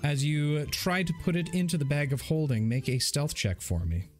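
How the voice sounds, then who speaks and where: A man narrating a tabletop game as its game master, descriptive and measured. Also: fairly high pitch, big pitch swings, faint music behind.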